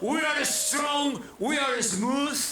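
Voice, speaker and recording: A man's voice: very high voice, takes it slowly. A man giving a theatrical showman's speech as a wrestling boss, emphatic and repeating his phrases. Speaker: wrestling promotion president. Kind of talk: showman's speech to a live crowd. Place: indoor wrestling arena before a crowd. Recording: very echoey arena, loud crowd noise.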